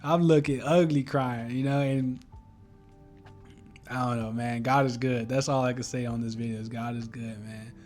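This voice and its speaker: A hoarse man vlogging in a casual, heartfelt way, rambling and earnest, peppering his talk with "you know" and "bro". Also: mid-range voice, level tone, moderate pace, long pauses, darkish tone, faint music behind.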